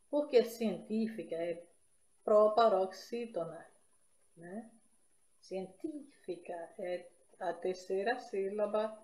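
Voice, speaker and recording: A woman's voice: on the low side, dark tone, echoey room. A woman from Brazil teaching an exam-prep grammar lesson, explaining step by step and checking in with her listeners.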